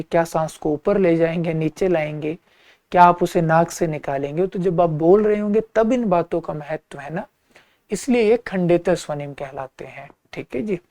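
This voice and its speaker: A man's voice: high-pitched, darkish tone, dry recording. A man teaching an exam-prep lecture, patiently repeating key terms and checking in with his listeners.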